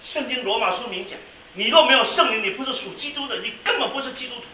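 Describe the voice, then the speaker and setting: A man preaching a sermon as a pastor, telling a story and swinging from quiet asides to loud exclamations. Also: very high-pitched, fast talker. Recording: echoey hall, mic at a distance, faint hiss.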